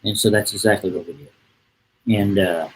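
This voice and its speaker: A man's voice: fairly low pitch, steady tone, moderate pace, slightly rough, rough recording. A middle-aged man, telling a rambling, folksy story as a podcast guest. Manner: folksy, rambling, with many "and, uh" restarts. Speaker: real estate agent, podcast guest. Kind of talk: casual storytelling.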